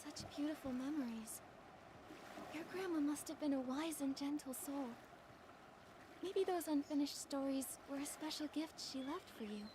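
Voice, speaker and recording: A woman voicing a kind young heroine in a video game, talking in a warm, reassuring way. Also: sits high, normal speed, lightly acted. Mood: comforting. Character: kind, gentle young heroine comforting a friend.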